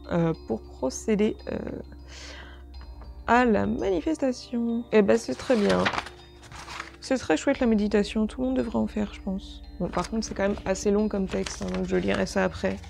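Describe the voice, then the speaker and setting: Woman unboxing vlogger: casual, easily thrilled, fry in the voice. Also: medium pitch, normal speed, darkish tone, faint music behind. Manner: chatty, easily delighted, gushing over small items.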